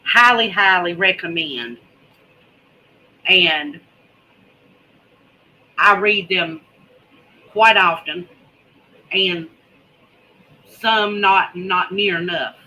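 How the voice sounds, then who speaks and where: A woman's voice: fairly low pitch, very slow, pauses often, sharp tone, low-quality recording. A woman chatting casually to viewers in a folksy, drawling way, repeating words for emphasis. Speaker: host of a homesteading preparedness vlog. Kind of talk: casual livestream chat.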